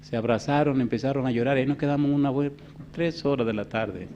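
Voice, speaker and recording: A pastor in his fifties preaching a sermon, telling a story in a hushed voice and then rising to loud preaching. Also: medium pitch, fairly quick, lo-fi sound, a little hiss or hum. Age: 50s. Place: church.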